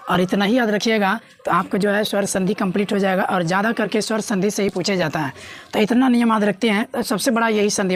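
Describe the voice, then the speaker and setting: A woman teaching a grammar lesson, often asking herself questions and answering them. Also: mid-range voice. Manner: asks and answers her own questions. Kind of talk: classroom lesson explaining at a board.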